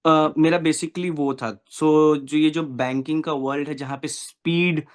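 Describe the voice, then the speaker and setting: A man in his thirties from Kolkata talks slowly and earnestly as an interview guest. He hesitates often, fills pauses with "uh," and his voice sits a little high for a man. He switches freely between English and Hindi. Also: steady tone. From Kolkata, India. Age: 30s. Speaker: interview guest, bank officer. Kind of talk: casual interview talk.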